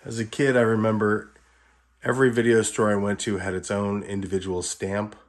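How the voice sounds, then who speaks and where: A middle-aged man from Los Angeles narrating a tour of the video store he built at home, in a relaxed, wry, matter-of-fact way. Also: on the low side, moderate pace. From Los Angeles, California.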